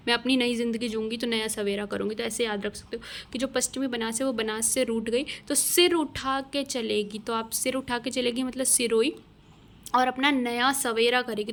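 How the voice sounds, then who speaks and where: A woman's voice: a little high, fairly bright tone, a little hiss or hum. A woman teacher explaining memory tricks in an exam-prep lesson, patiently repeating key words.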